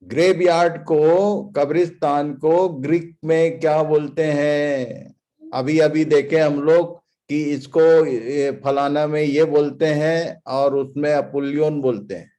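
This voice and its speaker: A man's voice: a little high, steady tone, slow, mellow. A man preaching a sermon, putting questions to the congregation and stressing points with English phrases. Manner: quizzes the congregation, emphatic, drops in English phrases.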